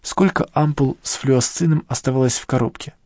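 A man's voice: medium pitch, fairly quick, darkish tone, dry recording, lightly acted. Pushy young woman scientist asking questions, guy reading her in his own voice, dry sound. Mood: pressing. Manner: pressing, questioning, near the reader's own voice. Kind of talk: audiobook character reading.

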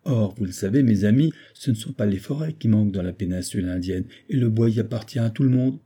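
A confident, methodical engineer from an audiobook, voiced by a man. He explains point by point in a measured, persuasive way, his tone dark and slightly husky. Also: fairly low pitch. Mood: explanatory. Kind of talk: audiobook character reading.

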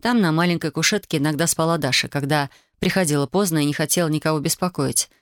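Woman audiobook narrator, measured, low register, dry studio read. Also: no room sound. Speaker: audiobook reader.

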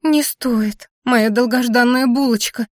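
A woman's voice: fairly high pitch, fairly even intonation, unhurried, no room sound, clean studio sound, pitched above the performer's own voice, lightly acted. Woman playing a gushing, tearful blue cat. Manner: showers endearments.

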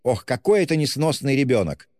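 A man voicing a frantic, desperate impoverished widow with shrill, haughty outbursts in an audiobook. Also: very animated, a little fast, darkish tone, no room sound, clean studio sound, in a large hall, lightly acted. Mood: scolding. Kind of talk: audiobook character voice.

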